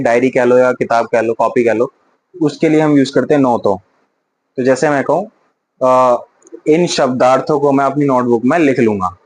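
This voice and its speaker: A man teaching Japanese vocabulary in a casual lesson, repeating example sentences slowly and loudly. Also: medium pitch, low-quality recording.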